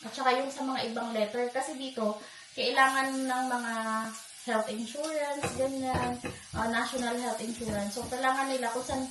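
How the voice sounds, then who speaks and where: A woman's voice: high voice, steady tone, normal speed, a crowd in the background. Chatty woman from the Philippines, echoey. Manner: chatty, confiding, keeps addressing viewers directly. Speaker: vlogger. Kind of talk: casual storytelling to viewers. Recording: echoey room, voice distant from mic.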